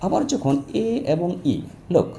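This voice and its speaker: A man teaching English pronunciation in a lesson, explaining step by step and repeating example words slowly as he speaks directly to his learners. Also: warm tone, slight background noise. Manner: addresses learners directly and informally. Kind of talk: Bengali-language phonetics lesson.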